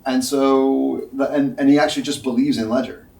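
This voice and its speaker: A man, a company executive, eagerly introducing a guest in casual chat, talking fast and repeating words as he goes. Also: mid-range voice, level tone, creaky, a little mellow. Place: Ledger's Paris headquarters. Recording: roomy, distant.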